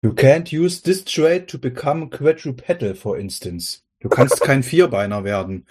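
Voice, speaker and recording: A man's voice: medium pitch, a little slow, breathy edge. A man joking around as a tabletop player, his microphone clipping and overdriven. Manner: laughing, animated, joking. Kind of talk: casual game chat.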